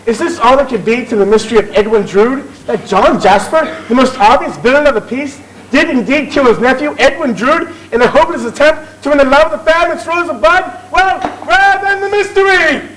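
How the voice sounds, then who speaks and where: A man's voice: extremely high pitch, a little fast, a bit bright. An actor playing a bossy, theatrical Victorian music hall chairman, declaiming and bantering with the audience on stage. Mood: showy, bantering. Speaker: master of ceremonies. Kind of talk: comic stage musical narration. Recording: noisy live theatre audience recording.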